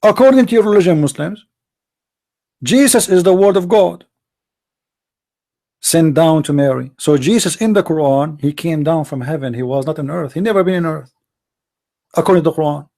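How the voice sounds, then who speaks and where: A man with a slightly high, gravelly yet mellow voice speaks briskly as host of a call-in religious debate live stream. In non-native English, he rattles off combative rhetorical questions.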